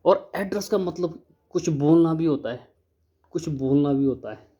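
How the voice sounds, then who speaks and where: A man giving a casual vlog lesson, explaining slowly, repeating himself and spelling words out letter by letter. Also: fairly high pitch, warm tone. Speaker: teacher.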